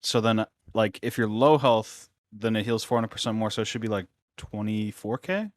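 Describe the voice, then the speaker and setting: A man's voice: fairly low pitch, normal speed, no room sound, studio quality. A man who is a guest streamer, thinking aloud casually in a roundtable chat with many "like"s.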